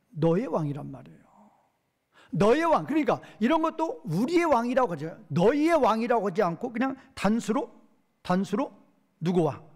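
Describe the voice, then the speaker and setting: Emphatic high-voiced male preacher. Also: a little mellow. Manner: emphatic, asks the hearers questions and answers himself; reads verses slowly and drawn out. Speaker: pastor. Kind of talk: expository Bible lecture.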